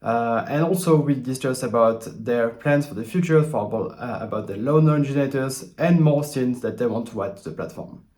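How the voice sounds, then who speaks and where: A man's voice: mid-range voice, brisk, hardly any pauses, a little mellow. A man hosting a channel, introducing an interview in a straightforward way with a few fillers. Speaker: channel host. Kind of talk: video introduction.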